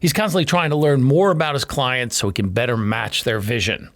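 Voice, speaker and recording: A man's voice: mid-range voice, brisk, a bit bright. A man hosting a podcast, giving a scripted introduction in a playful, joking, self-mocking way. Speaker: podcast host, comedian and event MC.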